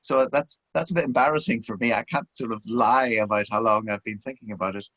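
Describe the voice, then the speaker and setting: A middle-aged man from Belfast, Northern Ireland, with a Belfast accent, chats in a relaxed interview about his past. He's an author and former broadcast journalist, chatty and self-deprecating with frequent restarts. His voice is medium-pitched and a bit bright, he talks fast, and the audio is dull with no echo.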